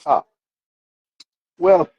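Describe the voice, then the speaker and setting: A South African man with a South African accent draws out his words on a muffled recording with no echo. As a podcast guest in a casual interview, he tells animated stories about his upbringing, full of repeated words and restarts.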